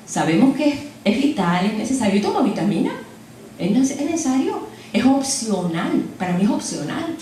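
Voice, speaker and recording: An older woman preaching a sermon in a lively, animated way, acting out quotes and laughing at her own jokes. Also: a little high. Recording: echoey church hall, distant mic, faint noise.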